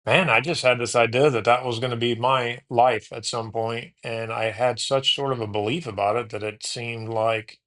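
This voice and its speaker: In casual storytelling answers, a man from Houston, USA, a podcast host in his late forties, rambles, corrects himself and keeps saying "man" and "dude." He speaks at a normal speed in a steady, fairly bright medium-pitched voice, barely pausing.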